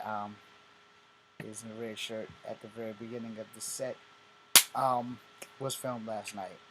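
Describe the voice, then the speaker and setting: A man's voice: lowish voice, slight background noise, poor audio. Blunt, profane man in his fifties. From Virginia, USA. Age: 50s. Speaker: vlogger host. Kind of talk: casual ranting vlog.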